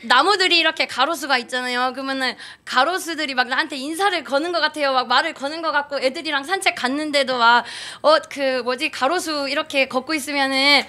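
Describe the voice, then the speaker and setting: Woman, 30s, high bright voice, rambling church testimony with frequent restarts. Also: fast, hardly any pauses. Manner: rambling, many fillers and restarts, laughs often. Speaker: church member giving testimony. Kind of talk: spontaneous testimony talk. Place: church gathering.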